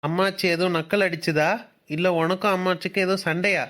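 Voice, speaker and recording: A woman voicing a calm, teasing young husband who keeps questioning his wife in a cartoon serial. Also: fairly low pitch, fast talker, close to an everyday voice. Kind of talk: Tamil cartoon serial voice acting.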